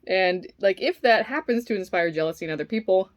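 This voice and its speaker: A woman chatting casually and musing in a halting, informal way while eating, sometimes with her mouth full. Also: mid-range voice, expressive. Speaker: vlogger eating on camera. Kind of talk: casual rambling opinion talk while eating.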